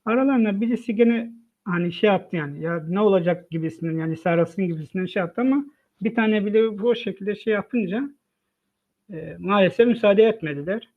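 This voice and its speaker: A man's voice: high-pitched, brisk. A father telling of his family's hardship in an emotional personal testimony, retelling events by quoting what each person said. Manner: retells events by quoting dialogue, frequent "dedim" and "dedi" tags. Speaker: father of the child. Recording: tinny phone-like line from a live online broadcast.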